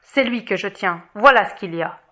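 A woman voicing a harsh, scornful male police inspector in an audiobook, shouting and mocking. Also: medium pitch, lively intonation, brisk. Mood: furious. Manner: shouting, sneering, mocking laughter. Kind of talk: audiobook reading.

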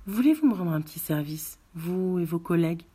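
A woman voicing a soft-spoken widow who pleads sweetly and quietly schemes. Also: fairly low pitch, animated, brisk, husky. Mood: pleading.

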